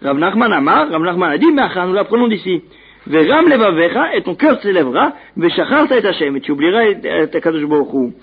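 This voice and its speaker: A man teaching a religious text, reading each Hebrew phrase and then translating it into French in a measured way, with small restarts. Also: sits high, big pitch swings, husky, narrow, tinny audio. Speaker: Talmud teacher.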